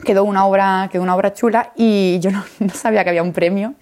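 Speaking fast in a dark, medium-pitched voice with fairly even intonation, a young Andalusian-accented woman from Jerez is interviewed casually about her life as a flutist. She tells her story with animation, reenacting her past words and laughing frequently.

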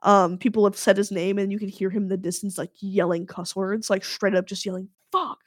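A woman's voice: medium pitch, a little fast, no echo, studio quality. A young woman co-hosting a podcast, telling a ghost story in casual chat with lots of fillers and emphatic asides. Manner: animated storyteller, heavy filler words, emphatic.

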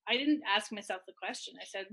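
A woman's voice: mid-range voice, fast, bright, forceful tone. A woman speaking as a podcast guest in a candid, casual way, often voicing her own thoughts as dialogue. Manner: candid, conversational, talks in imagined self-dialogue.

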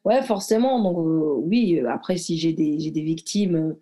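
A Moroccan woman in her thirties with a mellow, deep voice tells stories in a casual conversation. A guest who is an athlete and former firefighter, she sounds reflective and halting, full of fillers and restarts.

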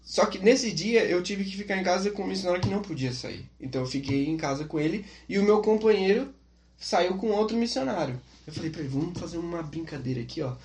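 A man's voice: high voice, fast, roomy sound. A man, a podcast guest, telling funny anecdotes casually and acting out the quoted people. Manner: animated, acts out quotes.

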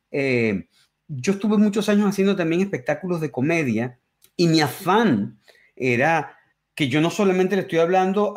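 A Venezuelan musician and comedian, guesting on a conversational interview over a remote call, tells stories with both enthusiasm and reflection. His voice is a little high, with a darkish tone.

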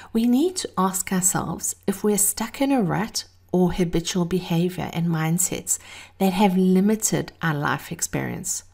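A woman speaking intimately in a breathy voice, at times near a whisper, as host of a motivational monologue. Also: fairly low pitch, a little mellow. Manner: intimate, addressing listeners as darling. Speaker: host of a daily encouragement series.

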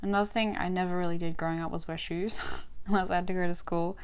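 A woman's voice: on the low side, fairly even intonation, quick pace, smooth. A young Australian woman with a Western Australian accent, hosting a solo podcast in a chatty way, laughing often and restarting her sentences. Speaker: podcast host.

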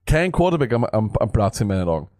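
A man's voice: fairly low pitch, big pitch swings, quick pace, darkish tone, no room sound, clean studio sound. A man co-hosting a fantasy football podcast, ranting and sarcastic, jumping between thoughts. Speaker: podcast co-host. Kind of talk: casual fantasy football chat.

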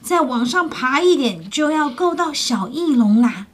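A woman reading a picture book aloud to children in an expressive way, stopping to ask her listeners questions. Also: high voice, a little slow. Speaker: storyteller.

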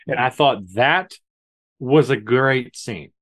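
Podcast co-host, male, mid-pitch, chatty film reviewer who slips into mocking voices. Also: takes it slowly. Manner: animated, acts out quotes in mocking voices. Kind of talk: casual movie review chat.

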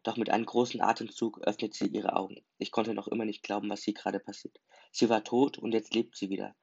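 A man's voice: lowish voice, level tone, fairly quick, gravelly, darkish tone, breathy edge. A man reading a first-person story aloud as narrator, emphatic in delivery. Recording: dull lo-fi recording.

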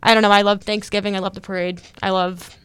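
A woman's voice: medium pitch, level tone, fast, fairly bright tone, clear, resonant tone, no room sound. A young woman co-hosting a casual chat, bubbly and agreeable.

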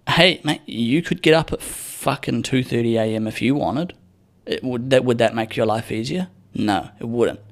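A young man with a medium-pitched voice hosts his own podcast, speaking at a normal speed. Into the mic he delivers a casual solo rant that is profane, rambling, and sardonic.

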